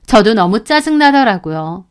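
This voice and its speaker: A woman's voice: fairly high pitch, big pitch swings, moderate pace, clean tone. A woman in her thirties narrating her own story as a daughter-in-law, indignant and complaining, acting out the dialogue.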